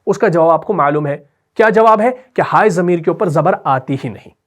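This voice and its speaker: A man teaching a Quran recitation lesson in Urdu with a Pakistani accent, patiently repeating each rule and asking his students whether they follow. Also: on the high side. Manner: patient, repeats key rules and checks understanding with questions. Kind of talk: tajweed lesson explained while writing on a board.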